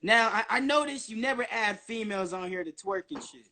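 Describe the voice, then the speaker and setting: A man's voice: very high-pitched, expressive, fairly quick, pushed and bright, a little hiss or hum. A man in his early twenties rambling nonstop on a casual livestream, slangy and full of swearing. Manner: profane, slangy. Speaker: guest on a social media live stream.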